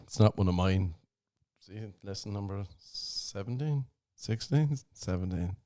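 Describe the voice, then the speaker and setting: A man's voice: on the low side, lively intonation, measured pace, dark tone. A man hosting a comedy podcast in casual chat. He swears freely, laughs often and reads tweets aloud. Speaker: podcast host.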